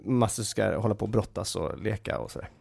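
A man's voice: lowish voice, gravelly, a little mellow, breathy edge. A man co-hosting a casual chat podcast, telling long anecdotes full of fillers and restarts. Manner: rambling anecdotal storytelling with many fillers. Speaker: podcast co-host.

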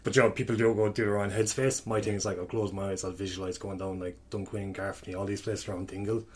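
A man's voice: fairly low pitch, flat delivery, fast, a little mellow, breathy edge. A thirty-year-old man with a strong Kerry accent from the west of Ireland, chatting candidly and ramblingly as a coach on a podcast. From County Kerry, Ireland. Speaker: podcast guest, sports coach. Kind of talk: casual podcast conversation.

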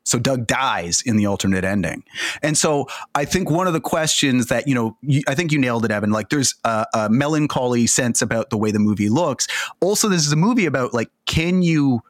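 A man hosting a casual film podcast, explaining plot details at length in a relaxed conversational way. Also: mid-range voice, fairly quick, no room sound. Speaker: podcast host.

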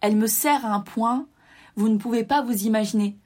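A young woman from France telling a personal story straight to her listeners, lively and direct. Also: on the high side, brisk.

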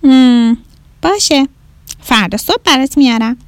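A woman's voice: high-pitched, animated, dry recording. A woman voicing a blunt, clever young mouse inventor in a children's storybook. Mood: offhand. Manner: blunt, offhand. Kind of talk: storybook narration.

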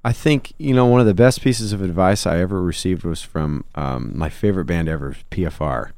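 A man's voice: low voice, a little fast, creaky, a little mellow, no room sound. A man, a songwriter and musician, in a conversational interview, telling a personal story in an earnest, reflective way. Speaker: guest.

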